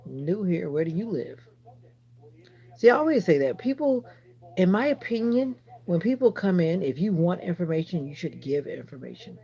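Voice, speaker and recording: Gravelly woman chatting on a livestream. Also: on the low side, very animated, normal speed, warm tone, lo-fi sound. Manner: chatty, talks straight to viewers, rambling asides. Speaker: livestream host. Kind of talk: casual livestream chat reading comments.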